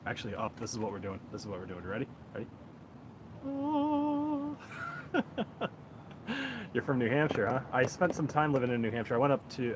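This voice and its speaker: Streaming from a cell phone on a tripod on his backyard deck, an American man in his thirties reviews whiskey, loose and rambling with frequent chuckles. His voice is fairly low, and the phone recording is noisy with outdoor sound.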